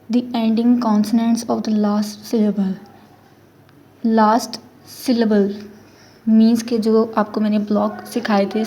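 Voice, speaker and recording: A young woman teaching a casual beginner language lesson, switching into English phrases and slowly drawing out example words. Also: on the high side, warm tone. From Pakistan. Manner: mixes English phrases into Hindi-Urdu.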